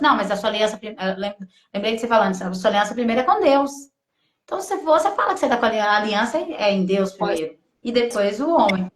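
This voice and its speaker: A woman tells her own story in a halting, emotional voice that keeps restarting and slipping into quoted thoughts. Her voice sits fairly high, and the room around her rings with echo. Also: a little hiss or hum. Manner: halting, full of restarts and quoted self-talk. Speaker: testimony guest. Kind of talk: emotional personal testimony. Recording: echoey room.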